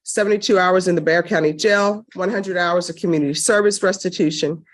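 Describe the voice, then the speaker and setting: Woman judge on the bench, brisk and stern, lowish voice, courtroom recording. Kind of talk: formal courtroom proceedings.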